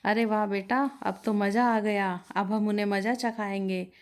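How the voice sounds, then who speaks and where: A woman's voice: medium pitch, steady tone, measured pace, natural voice. A woman voicing a scheming, gleeful older man who gloats over a rival's trouble. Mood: gloating. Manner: gloating, boastful.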